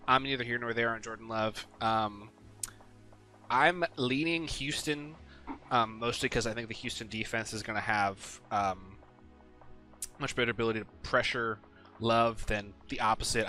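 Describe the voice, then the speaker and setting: Bright-voiced man rambling about picks. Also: on the low side. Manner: rambling, frequent ums, casual swearing. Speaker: sports picks video host. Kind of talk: casual solo commentary.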